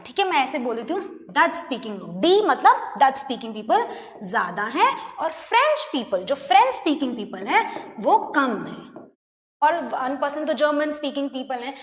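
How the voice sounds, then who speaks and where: With long reverb and a roomy echo in the recording, a high-pitched woman with an Indian accent lectures an online class. She blends Hindi with English, frequently checks on her students, and dictates important terms slowly.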